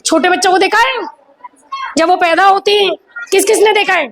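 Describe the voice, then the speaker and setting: Very high-voiced woman teacher quizzing kids. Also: moderate pace, crowd noise. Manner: animated, quizzing pupils in call-and-response. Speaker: primary school teacher. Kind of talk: classroom lesson. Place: school classroom.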